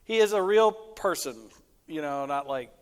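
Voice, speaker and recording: In an echoey hall with long reverb, a male pastor discusses theology casually, storytelling in a conversational way full of asides. His fairly high voice is expressive, clear, and resonant, moving at normal speed.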